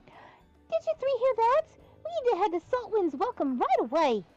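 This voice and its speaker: A woman voicing an eager, naive young amateur detective in a fantasy game, with deliberately hammy, exaggerated bad acting. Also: extremely high pitch, huge pitch swings, a little mellow, no echo, soft background music, voice pushed up, full character voice. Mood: excited, urgent. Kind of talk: amateur dramatic game dialogue read-along. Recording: muffled, noisy home microphone recording.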